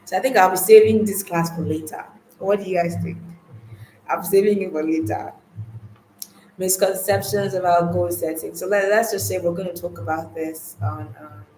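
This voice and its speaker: Low-voiced woman instructor, casual live-lesson delivery with frequent restarts, roomy room sound. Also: warm tone, slight background noise. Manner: chatty, repeats words, many restarts. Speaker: online course instructor. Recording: roomy, faint ambience.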